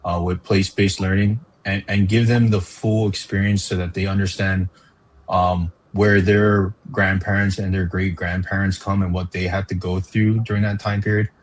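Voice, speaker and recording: A man's voice: sits low, little pitch movement, normal speed, a little hiss or hum, low-quality recording. A man from Hawaii, a park educator, talking earnestly as an interview guest with frequent fillers. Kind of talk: casual interview chat.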